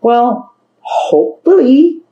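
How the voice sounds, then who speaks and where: A woman's voice: high-pitched, expressive, slow pace, mellow, reverberant, highs cut off, pitched above the performer's own voice. A woman voicing a bold, scheming teenage girl who talks eagerly and pushily. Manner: eager and pushy.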